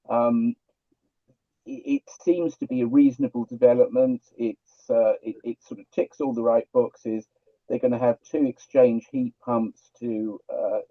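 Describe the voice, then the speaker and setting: A man's voice: medium pitch, dry recording. Hesitant man on a dull video call. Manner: hesitant, many restarts. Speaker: town councillor. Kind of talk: committee meeting discussion. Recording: dry, dull lo-fi call audio.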